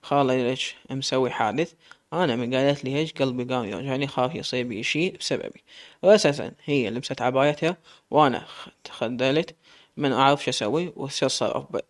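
Fast-talking Iraqi man telling a story. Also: mid-range voice. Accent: Iraqi Arabic. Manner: rapid, telling the story from a woman's viewpoint. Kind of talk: first-person story narration.

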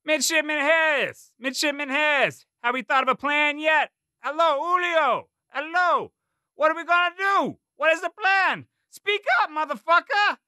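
A man voicing a gruff, stocky male Marine drill sergeant with a Brooklyn accent who barks profane, sarcastic orders. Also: extremely high pitch, a little slow, sharp tone, dry recording, pitched above the performer's own voice, heavily acted. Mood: bellowing, sarcastic.

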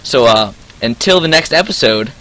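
Excitable young gamer guy, bright voice. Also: medium pitch, moderate pace, rough recording. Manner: excitable, frustrated outbursts, voice cracks. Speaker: gaming channel host. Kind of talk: live gameplay commentary.

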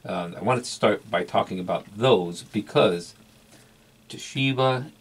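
This husky, low-pitched man with vocal fry is a middle-aged collector and reviewer of vintage electronics. He reviews a product casually and without a script, rambling hesitantly and repeating words to stress them.

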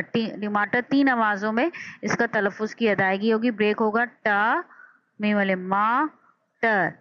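A woman teacher giving a patient alphabet lesson, sounding out syllables slowly and deliberately. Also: a little high, no echo. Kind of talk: slow step-by-step alphabet lesson. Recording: dull lo-fi dry recording.

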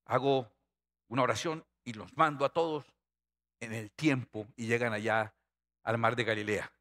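A middle-aged man preaching a sermon, animated and constantly asking his congregation questions. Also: medium pitch, moderate pace. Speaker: pastor.

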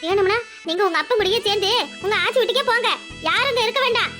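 A woman's voice: very high-pitched, fast, over loud music. A woman voicing a weary, devoted village mother of three in a cartoon, with a southern Tamil accent from Tirunelveli, scolding and coaxing her children. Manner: scolding then tenderly coaxing, dialect endearments. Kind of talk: cartoon voice acting.

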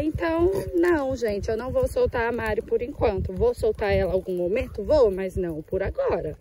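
A woman's voice: warm tone, slight background noise, poor audio. Chatty woman vlogging outdoors. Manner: chatty, talks to her dog in a high sweet voice. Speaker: travel vlogger. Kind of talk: casual travel vlog narration. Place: outdoors at a beach resort.

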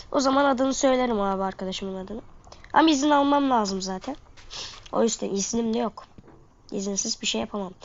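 A woman with a congested, sniffly nose giving casual, slangy gameplay commentary to her viewers. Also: a little high. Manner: slangy, talking to viewers while playing. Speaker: gaming video host. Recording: dull lo-fi microphone sound.

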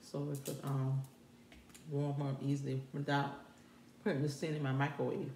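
A young woman with a low voice talks casually to camera as she eats, chewing noisily between unhurried remarks. She is picked up from across the table in an echoey small room, with noticeable noise behind her. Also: level tone, darkish tone. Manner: chewing noisily, talking while eating. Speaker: mukbang host. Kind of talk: casual eating-show chat. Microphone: phone or camera across the table.

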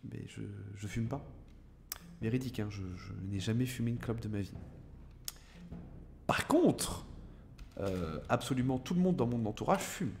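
A young Frenchman streams gameplay live, his mid-range voice animated and a little mellow, with slight background noise and music behind him. He chats hesitantly with viewers and responds to them by name, with many filler pauses and restarts.

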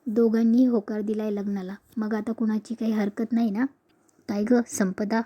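A woman's voice: mid-range voice, level tone, moderate pace, mellow, lightly acted. A woman voicing a confident older matriarch who takes charge of the family. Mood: pleased. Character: commanding elderly family matriarch.

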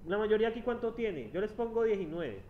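A man's voice: high voice, sing-song, fairly quick. A man lecturing a university class, chatty and teasing, checking in with the students all the time. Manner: chatty, teasing, asks "¿sí?" constantly. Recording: dull lo-fi classroom recording.

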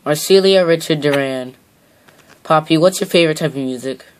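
Mid-pitched host reading questions haltingly. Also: low-quality recording. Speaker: host of homemade puppet question show. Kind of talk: reading viewer questions aloud.

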